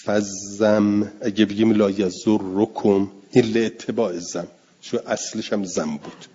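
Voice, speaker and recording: A husky man gives a classroom lecture, reading a text and explaining it phrase by phrase. He stretches out words he repeats for his students. The recording sounds dull and lo-fi. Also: lowish voice, fairly even intonation, warm tone. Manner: reads Arabic phrases then explains them, drawing out repeated words slowly. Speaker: teacher of Arabic grammar and Quran exegesis.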